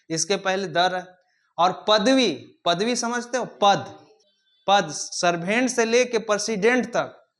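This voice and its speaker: Leading a grammar lesson for his class, a male English teacher speaks in a high, lifted, slightly bright voice. He peppers the students with questions, repeating himself until he gets answers.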